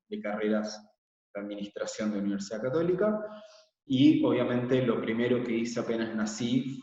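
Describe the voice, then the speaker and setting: A man from Israel, a workshop facilitator, presenting calmly online and explaining with frequent hesitant fillers. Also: on the low side. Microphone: laptop mic on a video call. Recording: echoey, distant, dull video call audio.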